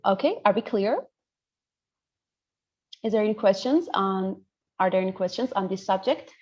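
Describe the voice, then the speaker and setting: A pediatrician from northern Iran, speaking with an Iranian accent, teaches an interactive online medical class from indoors on a video call, explaining and often checking that listeners are following. Her voice is medium-pitched and a little mellow, at a normal speed. The call audio sounds muffled.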